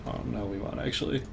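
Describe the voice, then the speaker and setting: A man's voice: medium pitch, creaky, noisy background. A man casually commenting while playing a game, rambling, laughing often and swearing now and then. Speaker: gaming streamer. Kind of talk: casual let's-play commentary.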